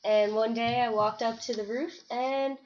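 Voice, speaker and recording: Young woman guesting on a podcast, slightly high voice, dry teasing, muffled lo-fi sound. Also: steady tone, normal speed, darkish tone, a little hiss or hum. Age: young adult. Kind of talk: casual chat. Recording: dull lo-fi recording.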